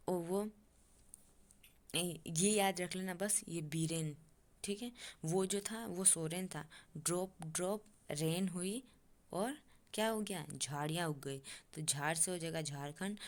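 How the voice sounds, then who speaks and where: Young woman tutor, lowish voice, repeats everything and keeps checking in with "theek hai". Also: darkish tone. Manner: repetitive, keeps asking "ठीक है?" and checking on the listener. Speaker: teacher. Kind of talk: exam-prep memory tricks lesson.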